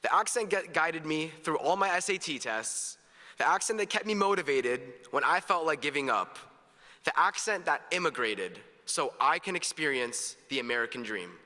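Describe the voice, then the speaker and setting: A man's voice: fairly high pitch, lively intonation, moderate pace, pushed and bright. A teenage male student giving an earnest, upbeat graduation speech with jokes, in a large hall. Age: teens. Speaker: graduation speaker. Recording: echoey hall, long reverb.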